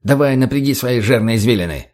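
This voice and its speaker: Man playing a crude addict thug, profane, barking, short-tempered, medium pitch. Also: expressive, quick pace, a little mellow, close to an everyday voice. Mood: aggressive.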